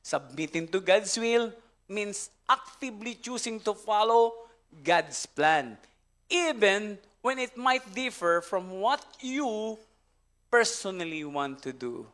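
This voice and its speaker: A man's voice: high-pitched, lively intonation, slow, a bit bright. A man with a Filipino accent preaching a church sermon, telling stories with frequent laughter and switching between Tagalog and English. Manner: storytelling, laughing often, mixing English into Tagalog. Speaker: pastor. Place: church service.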